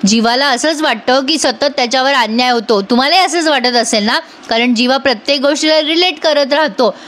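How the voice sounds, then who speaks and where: Chatty high-voiced woman retelling a serial. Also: a little fast. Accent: Marathi. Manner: chatty, retells dialogue with lively character voices; addresses viewers directly, teasing asides. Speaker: serial episode narrator. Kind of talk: voice-over episode recap.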